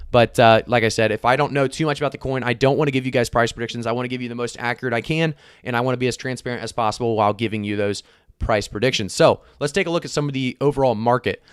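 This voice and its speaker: A man's voice: medium pitch, clear, resonant tone, dry recording, clean studio sound. A man hosting a casual live stream, chatting with many fillers while reading figures off the screen. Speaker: crypto live stream host.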